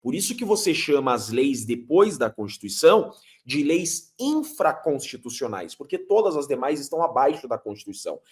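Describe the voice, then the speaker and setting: With hardly any pauses, this man in his 30s, a lawyer from Curitiba, Brazil, explains legal matters emphatically and poses rhetorical questions while lecturing. He speaks at a moderate pace in a sing-song, mid-range voice.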